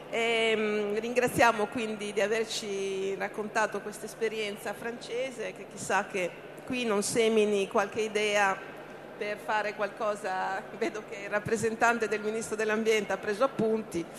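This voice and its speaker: Donna che modera un convegno, leggero rumore. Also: female voice, mid-range voice. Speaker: conference moderator. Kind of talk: moderating a panel, semi-formal spontaneous talk. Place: conference event. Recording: faint background noise.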